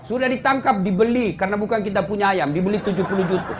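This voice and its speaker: A man's voice: high voice, slight background noise. A middle-aged man preaching a humorous sermon, telling jokes and acting out quarrels. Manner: joking storyteller, acts out quarrels and drawn-out sung prayers.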